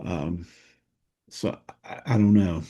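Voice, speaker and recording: A man from Tennessee with a Southern accent, a guest historian recalling details thoughtfully in a conversational interview, pausing to search for words. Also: sits low, dark tone, muffled recording.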